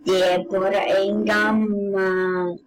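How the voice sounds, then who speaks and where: A woman giving casual gameplay commentary, playful and excitable, with sudden yelps and silly sing-song bits. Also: mid-range voice, rough recording. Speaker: gameplay video maker.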